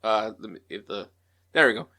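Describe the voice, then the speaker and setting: A man's voice: on the low side, lively intonation, brisk, pushed and bright. A man hosting a sports podcast, talking in an upbeat, chatty way with lots of fillers and restarts. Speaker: podcast host. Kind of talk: casual podcast intro and interview.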